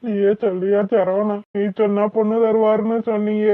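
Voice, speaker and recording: Woman voicing an aging cartoon father, weary, despairing, flat delivery, Thoothukudi Tamil accent, tinny dry audio. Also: medium pitch, normal speed, no room sound, lightly acted. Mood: dejected. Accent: southern Tamil (Thoothukudi). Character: dejected aging village father.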